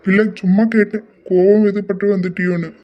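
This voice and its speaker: A performer voicing a quiet, reserved young man in an amateur audio drama, answering in short, evasive lines. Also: medium pitch, level tone, highs cut off, lightly acted. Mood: guarded. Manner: curt and evasive, unhurried.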